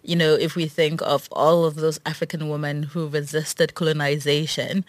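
A woman's voice: low-pitched, level tone, normal speed, no echo. A woman co-hosting a podcast, chatting casually with a friend, enthusiastic and thinking aloud with lots of fillers. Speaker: podcast co-host. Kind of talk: casual conversation between friends.

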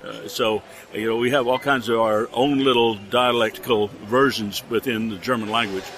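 An older man, a retired teacher, explaining things in a measured way during an interview outdoors. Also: medium pitch, fairly even intonation, a bit bright. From Texas.

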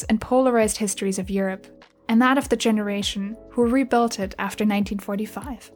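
A woman hosting a podcast, reading a smooth, even scripted introduction and asking interview questions. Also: on the high side. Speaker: podcast host.

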